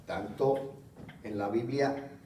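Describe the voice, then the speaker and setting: A man preaching a teaching sermon, explaining slowly and checking in with his listeners. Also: medium pitch, steady tone, dark tone. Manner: slow, explanatory, frequent "¿ok?" check-ins. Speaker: pastor. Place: church hall. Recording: echoey room from a distance, faint background noise.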